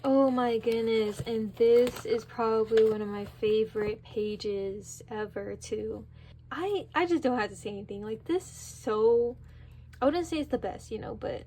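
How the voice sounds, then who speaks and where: A young woman giving a casual, chatty tour of her sketchbooks, excitable and full of fillers. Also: on the high side, a little hiss or hum. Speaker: vlogger.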